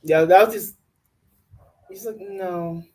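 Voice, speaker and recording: A man's voice: high voice, slow pace, darkish tone, low-quality recording. A man in his forties co-hosting a reality-show recap, laid-back with wry jokes and lots of "like". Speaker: podcast co-host reviewing a reality show. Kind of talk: casual commentary chat.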